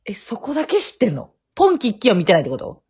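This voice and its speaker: A young woman with a Kansai accent chatting casually on a podcast from her family home over a remote call, teasing her co-host in quick banter. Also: fairly high pitch, huge pitch swings, darkish tone, husky. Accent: Kansai Japanese. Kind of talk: casual chat. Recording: dull lo-fi audio.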